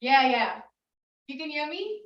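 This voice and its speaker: A South African poet chats with the audience before her reading at a literary event, warm, informal, giggly and emotional. Her voice sits high and is expressive, at a measured pace. The recording is from far off in an echoey room, so the sound is dull.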